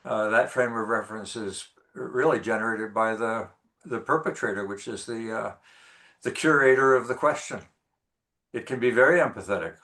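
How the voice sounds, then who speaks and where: A man's voice: fairly low pitch, moderate pace, a bit bright. A man hosting and moderating a group discussion, speaking hesitantly with many fillers. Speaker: host and moderator.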